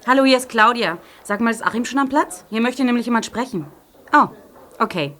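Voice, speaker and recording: An actress playing a polite, businesslike young receptionist. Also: female voice, on the high side, expressive, a little fast, fairly bright tone.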